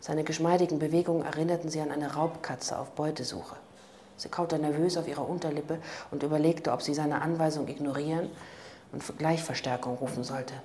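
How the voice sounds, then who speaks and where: A woman narrating a crime audiobook in a calm, even manner. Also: sits low, fairly quick, slight background noise. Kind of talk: scripted narration.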